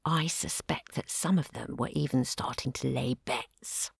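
A woman's voice: very deep voice, unhurried, vocal fry, breathy edge, no room sound, exaggerated voice. A woman narrating an audio drama in the first person with a dry, self-deprecating wit. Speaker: narrator and lead character.

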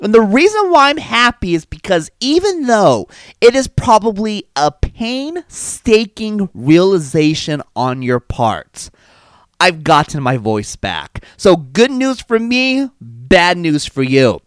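A man's voice: high voice, very animated, slow, clear, resonant tone, dry recording. A man hosting his own podcast in a chatty, sarcastic, rambling monologue, still slightly stuffy from a cold. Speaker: podcast host. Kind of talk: casual solo podcast monologue.

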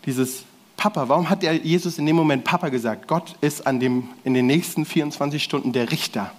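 Slangy, fairly high-voiced young preacher man. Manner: colloquial slangy preaching, restarts and self-corrections. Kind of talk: casual youth sermon. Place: church hall with audience.

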